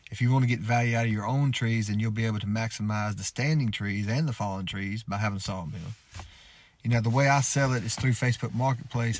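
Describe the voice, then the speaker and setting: A man in his thirties giving relaxed, folksy advice to the camera from inside a parked pickup truck, often restarting his words. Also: lowish voice. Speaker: sawmill owner and homesteader vlogger. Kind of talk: casual advice talk to camera.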